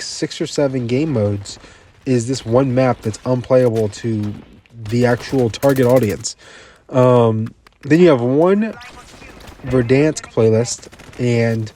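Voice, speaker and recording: A man's voice: mid-range voice, dark tone, a little hiss or hum. A man giving casual gaming commentary, ranting bluntly and repeating himself, a bit tired, with faint game sounds behind him.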